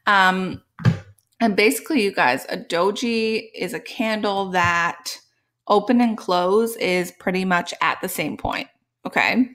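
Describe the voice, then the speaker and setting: Woman, sore-throat congested voice, mid pitch, casual tutorial host, frequent okay and all right check-ins. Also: unhurried, a bit bright. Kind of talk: casual tutorial explanation over live charts.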